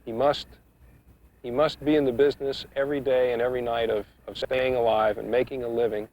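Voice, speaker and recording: Gravelly-voiced man giving step-by-step instruction. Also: mid-range voice, flat delivery, darkish tone. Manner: measured, explanatory step-by-step delivery. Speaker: duck calling instructor. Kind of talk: instructional demonstration talk. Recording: muffled, dull 1990s instructional video sound.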